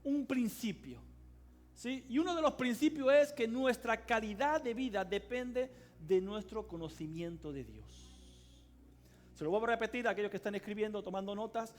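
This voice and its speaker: A man preaching a sermon as pastor of a church, emphatic, swinging between loud cries and quiet asides and calling on the congregation to answer aloud. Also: sits high, normal speed. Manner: calls on the congregation to respond aloud. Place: church service hall.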